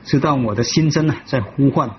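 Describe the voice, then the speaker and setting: A man giving a personal testimony in a halting way, often restarting and repeating himself. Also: mid-range voice, dull audio, slight background noise. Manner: halting, with many restarts and repetitions. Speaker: devotee telling his life story.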